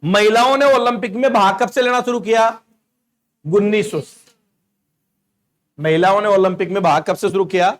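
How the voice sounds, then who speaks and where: A male coaching teacher with a Rajasthani Hindi accent giving an exam-prep lecture, asking the class questions, answering them himself and repeating names slowly for dictation. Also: sits high.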